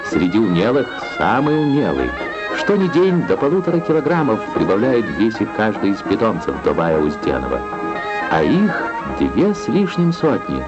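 A man delivers solemn, lyrical Soviet announcer narration. His intonation swings expressively through declamatory phrases. The sound is a dull 1960s film track, with loud music playing along. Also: fairly low pitch, wildly swooping pitch, moderate pace. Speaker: newsreel narrator.

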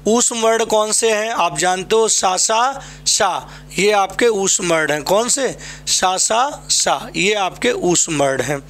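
A man's voice: sits high, takes it slowly, fairly bright tone. A male teacher from Uttar Pradesh giving an exam-prep Hindi lesson, drilling students by asking a question and then answering it himself.

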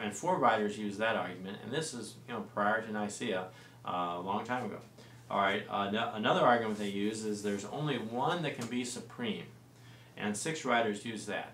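A man in his forties explaining early church history in a studio discussion, relaxed and full of fillers and restarts. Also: fairly low pitch. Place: small studio set with lamp and plants. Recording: roomy and distant-sounding with faint noise.

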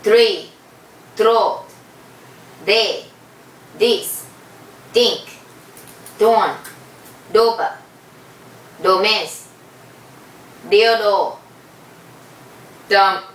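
A middle-aged woman with a Taiwanese accent reads isolated words deliberately, one at a time. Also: medium pitch. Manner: deliberate, word-by-word delivery. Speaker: interviewee reading a word list. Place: small room at home, indoors. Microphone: camera a few metres away. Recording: roomy, distant mic with faint noise.

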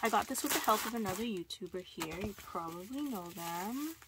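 Girl doing a haul video, gushy and squealy, mid pitch voice, bit of hiss behind. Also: a little fast. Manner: gushing, excitable, squealing with delight. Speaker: vlogger. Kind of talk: casual unboxing haul.

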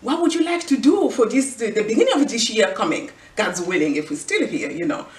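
A woman's voice: on the high side, very animated, fairly quick, darkish tone. A middle-aged woman from the Congo with a Congolese accent, giving an earnest, preachy motivational talk to camera and often repeating a rhetorical question. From Congo, Central Africa. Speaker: fashion vlogger and clothing designer. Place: indoor room with clothing rack. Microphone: far camera. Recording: echoey room from far off.

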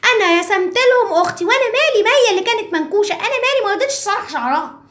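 A woman's voice: extremely high pitch, expressive, very fast, fairly bright tone. A woman with an Egyptian Arabic accent voicing a cheeky, chatty little girl who talks to the children as her friends while teaching an English lesson. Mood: playful.

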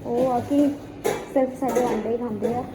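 A woman's voice: fairly high pitch, steady tone, normal speed. A young woman with a Punjabi accent chatting casually while cooking for a home vlog. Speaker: family vlogger. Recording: noisy home kitchen recording.

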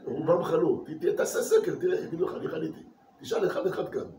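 A man, a rabbi, giving a lively Torah class to his congregation, asking rhetorical questions and repeating words for emphasis. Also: a little high, slight background noise. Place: synagogue hall. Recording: echoey room from a distance.

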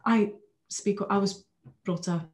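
A Welsh author in her thirties, whose first language is Welsh, speaks on a video call from a small room at home. Her mid-range voice is steady, slow, and a little mellow, and she comes across as thoughtful and hesitant, repeating words as she thinks during a relaxed interview.

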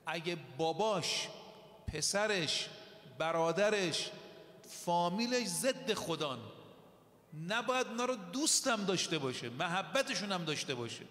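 Male preacher, high voice, slow deliberate storytelling sermon, long hall reverb. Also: animated, fairly bright tone. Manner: slow deliberate emphasis, recites Arabic verses.

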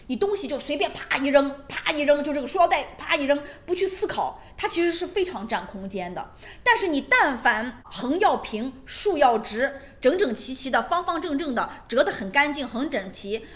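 A woman giving a casual monologue to camera at home, emphatic and repetitive, often asking rhetorical questions. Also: sits high. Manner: emphatic, repeats phrases, asks rhetorical questions. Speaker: lifestyle vlogger on decluttering. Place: her home.

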